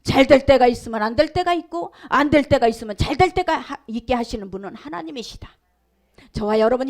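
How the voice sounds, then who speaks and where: A woman's voice: fairly high pitch, a little mellow. A woman pastor preaching a sermon, emphatic and conversational, sometimes dropping to a whisper. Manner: repetitive, conversational storytelling. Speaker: senior pastor. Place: church sanctuary.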